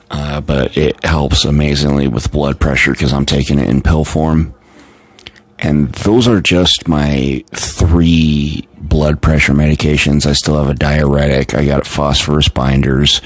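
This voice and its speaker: A man with a very deep voice talks casually on a live stream, tired and yawning. His delivery stays low and flat as he rambles on with many fillers and restarts.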